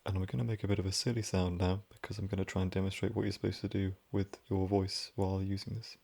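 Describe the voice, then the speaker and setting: A man in soft-spoken, whispered role-play, rambling gently and drifting between a whisper and a low voice. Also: little pitch movement, fast, vocal fry, very noisy. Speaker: ASMR creator.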